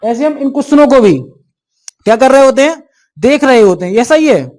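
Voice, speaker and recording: A man's voice: very high voice, expressive, fairly quick, a little mellow. A male teacher lecturing an exam-prep class, asking questions and answering them himself.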